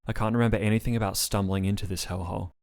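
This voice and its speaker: A man's voice: lowish voice, steady tone, very fast, creaky, a little mellow. A man reading the part of an angry, sarcastic young woman patient in a storybook reading. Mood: furious. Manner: sarcastic, swearing tirade.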